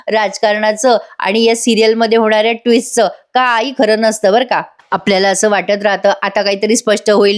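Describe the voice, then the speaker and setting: A woman hosting a voice-over review, recapping a TV serial and chatting to viewers with wry asides. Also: medium pitch. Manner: chatty, addresses viewers, comments wryly.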